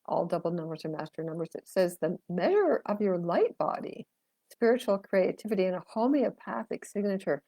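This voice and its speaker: On a live stream, a middle-aged tarot reader and astrologer chats and rambles through her card readings, using many fillers and answering viewers' comments while she loses her voice. Her lowish voice is warm and brisk, with lively intonation, and there's no echo.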